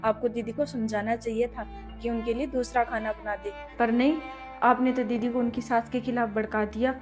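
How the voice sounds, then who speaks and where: A woman's voice: on the high side, little pitch movement, normal speed, darkish tone, lightly acted. A woman acting as a young daughter-in-law in a home-made family drama, talking back firmly. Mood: explaining firmly. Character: young daughter-in-law, patient then firm. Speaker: actor in a family skit. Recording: faint background music.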